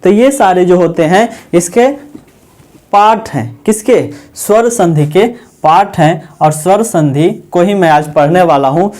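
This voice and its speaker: Mellow-voiced Hindi grammar teacher. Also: male voice, high voice. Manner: asks the class questions and answers them himself, repeats key words slowly. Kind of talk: grammar lesson on a board.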